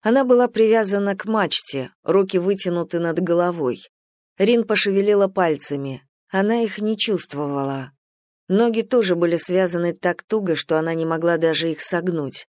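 An audiobook reader narrating a story in an even, measured way. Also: medium pitch, no echo, clean studio sound. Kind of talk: scripted narration.

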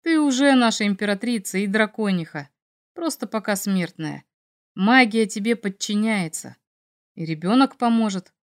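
A woman's voice: medium pitch, expressive, moderate pace, lightly acted. A woman reading as a cocky young male dragon. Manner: teasing, self-assured. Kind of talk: audiobook character reading.

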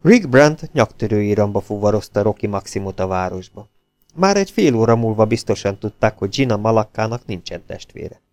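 A man's voice: on the low side, no echo. A man reading a crime novel aloud as an audiobook narrator, telling the story steadily. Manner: steady storytelling with lively dialogue voices.

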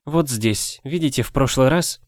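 A man reading an audiobook, voicing a spirited young noble wife in a raised, lively voice. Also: medium pitch, dry recording, clean studio sound, voice pushed up, close to an everyday voice. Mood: explaining. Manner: quick, lively, prickly.

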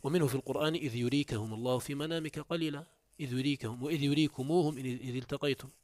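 The man's voice is darkish in tone and racing, captured as clean studio sound with no echo. He teaches Arabic morphology by reading a classical text aloud and unpacking it step by step, his pitch jumping up at each quote in this commentary lesson.

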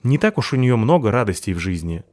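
A man doing a deadpan sarcastic young woman. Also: on the low side, fast talker, dry recording, studio quality.

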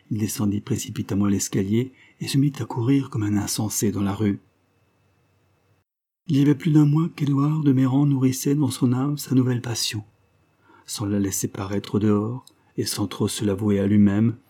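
A man narrating a nineteenth-century love story in a steady, even-toned reading. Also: mid-range voice, breathy edge. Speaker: audiobook narrator. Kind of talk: scripted literary narration.

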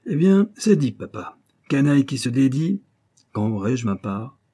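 A man reading an audiobook and voicing a brash, greedy young street rascal who talks in a cocky, slangy, excitable way. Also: medium pitch, a little slow, breathy edge, voice pushed up.

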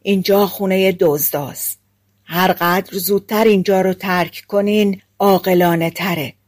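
A woman's voice: mid-range voice, steady tone, darkish tone, natural voice. A woman voicing a kindly old woman in a storybook, warning earnestly.

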